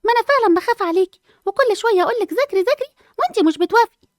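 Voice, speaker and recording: A woman's voice: very high-pitched, lively intonation, racing, no room sound, clean studio sound. A woman voicing a sensible, studious schoolgirl twin with an Egyptian accent, lecturing her sister. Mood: indignant. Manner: indignant, lecturing.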